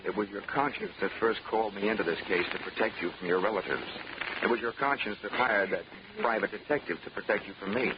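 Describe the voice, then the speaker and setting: A man with a lowish voice talks fast as the narrator of a 1940s radio drama, playing a hard-boiled insurance investigator who wisecracks in a dry, clipped way. The old radio recording sounds dull, with background noise and music.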